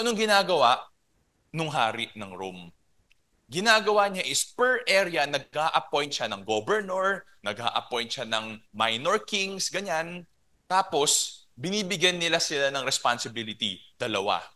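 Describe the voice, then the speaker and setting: A man's voice: fairly high pitch, pushed and bright. A man with a Filipino accent preaching a sermon, talking to a congregation, asking them questions and mixing Tagalog with English.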